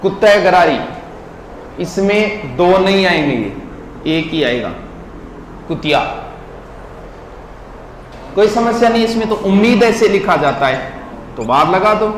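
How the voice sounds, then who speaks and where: A man's voice: sits high, expressive, unhurried, pauses often. A man, teaching in a classroom lecture and drilling words syllable by syllable while quizzing his listeners. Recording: echoey hall with faint noise.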